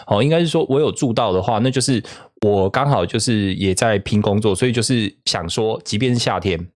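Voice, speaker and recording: A man's voice: fairly low pitch, a little fast. A man in his thirties with a Taiwanese Mandarin accent, chatting casually as a podcast co-host and telling stories with frequent laughs. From southern Taiwan. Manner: animated storytelling, laughs often. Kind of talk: casual chat.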